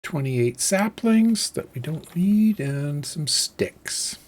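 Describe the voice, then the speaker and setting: An unhurried let's-play host muses aloud through a building session. The voice carries a soft, husky grain, and the delivery is relaxed and deliberate, working through counts and plans one step at a time. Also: mid-range voice. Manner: musing aloud, thinking through tasks step by step. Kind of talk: casual gameplay commentary.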